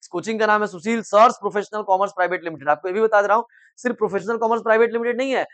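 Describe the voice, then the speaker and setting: तेज़, ऊँची आवाज़ में पढ़ाता शिक्षक. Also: male voice, high-pitched, steady tone, racing, a bit bright, no echo. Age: middle-aged. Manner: repeatedly asks "samajh mein aa raha hai?" and prods students to answer; explains in simple Hindi with everyday examples. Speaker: commerce coaching teacher. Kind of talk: classroom lecture. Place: coaching classroom.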